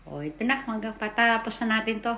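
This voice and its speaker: A woman's voice: a little high, quick pace, bright, forceful tone, reverberant. Chatty woman narrating a family vlog. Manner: chatty, tags lines with "o, di ba?"; stumbles over words and admits it. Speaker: family vlogger and mother. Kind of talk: casual voice-over narration of home video.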